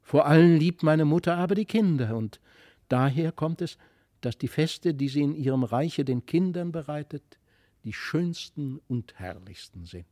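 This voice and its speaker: A man reading the lines of a mysterious fairy child in a fairy-tale audiobook, softly earnest and wistful. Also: on the high side, expressive, a little slow, dry recording, clean studio sound, pitched above the performer's own voice. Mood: gentle.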